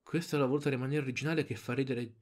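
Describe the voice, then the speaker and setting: A man's voice: medium pitch, steady tone, very fast. A young adult man giving casual reaction commentary on a headset mic. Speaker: reaction video creator. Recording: video audio and music behind.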